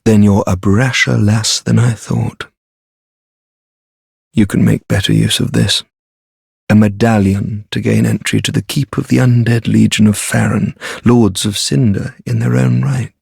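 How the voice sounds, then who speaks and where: A world-weary British deserter warrior in a dark fantasy game. His low voice is thick with gravel and very husky, and he drawls out his words with sardonic, fatalistic resignation. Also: fairly even intonation, measured pace, dry recording, studio quality, heavily acted.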